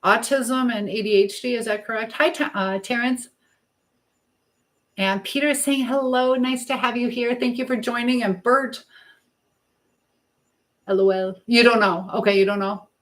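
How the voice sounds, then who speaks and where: Pausing often at a normal speed, a woman with a fairly high voice hosts a livestream from her home kitchen. She chats casually while baking, rambling informally as she answers viewers. The room is echoey, with clearly audible background noise.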